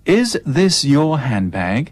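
A man voicing a polite man returning a lost handbag, in a slow, carefully enunciated English textbook dialogue. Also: medium pitch, big pitch swings, husky, dry recording, full character voice.

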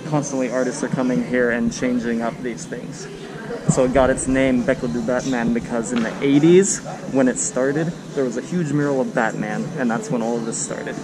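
A man speaking through a face mask, hosting a travel vlog and explaining sights in a relaxed, casual way outdoors on a city street. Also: medium pitch, normal speed, background noise. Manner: relaxed, informative tour-guide explaining. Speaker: travel vlogger host. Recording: outdoor street recording with loud music. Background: music playing in the street.

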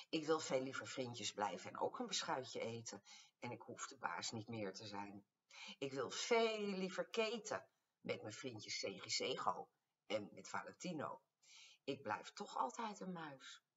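An older woman voicing a small, bossy grey male mouse with a squeaky voice in a storybook verse. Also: big pitch swings, unhurried, slightly rough, heavily acted. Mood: meek. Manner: bossy, commanding. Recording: distant, dull lo-fi home recording.

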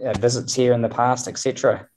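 A man hosts a press conference over a call, framing his questions with hesitant fillers and restarts. His voice is dark and mellow, at an ordinary pitch. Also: steady tone, fast talker, a little hiss or hum, poor audio. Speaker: media manager hosting a press conference.

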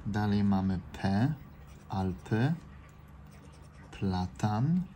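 A man calmly reading out letters and words one by one as he scratches off lottery cards, indoors by an open window. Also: on the low side, very slow. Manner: reads out letters and words one by one in a calm, steady drone. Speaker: scratch-card vlogger. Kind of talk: casual scratch-off commentary. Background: faint noise through an open window.

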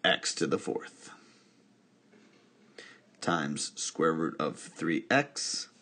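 Husky-voiced male math teacher. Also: rumbling low, expressive, very slow, pushed and bright. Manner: talks through steps with self-questions and wry asides. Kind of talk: recorded math lesson at a whiteboard.

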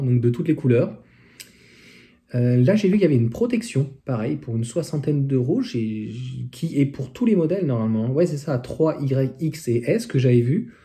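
A man talks through car accessories in a loose, casual review. His voice is very dark and mellow, sitting at an ordinary pitch. He hesitates often and fills gaps with fillers and restarts. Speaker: electric car vlogger.

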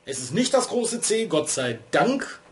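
Slightly stuffy from a cold, a vlogger and streamer in his thirties chats from a small room at home under LED strip lighting. His high voice takes big pitch swings and moves a little slowly as he wanders off topic and makes self-deprecating jokes in casual, rambling talk.

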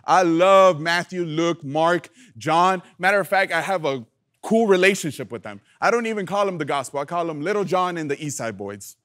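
A young man preaching a youth sermon, lively and playful, calling on the audience to answer back. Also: a little high, normal speed. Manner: animated, playful, calls for audience response. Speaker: youth pastor.

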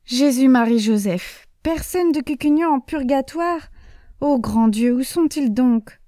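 A woman's voice: high voice, animated, measured pace, mellow, no room sound, clean studio sound. A woman voicing an elderly male village priest, earnest and anxious, who pleads and exclaims. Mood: dismayed.

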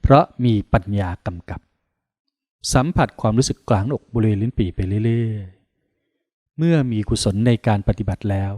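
A man from Thailand, a Buddhist monk, leading a guided meditation in slow, calm, soothing instructions with pauses. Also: fairly low pitch, no echo, clean studio sound.

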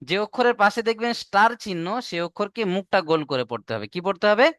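High, clear-voiced man teaching letters. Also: sing-song, a bit bright, dry recording, studio quality. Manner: patient, repeats letters and drawn-out sounds, quizzes students. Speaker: Quran reading teacher. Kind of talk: online Arabic alphabet lesson.

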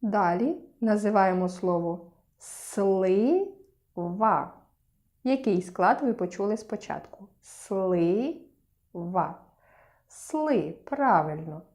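A woman teaching a speech lesson to young children, sounding out syllables clearly and praising often. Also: medium pitch, big pitch swings, slow, a little mellow.

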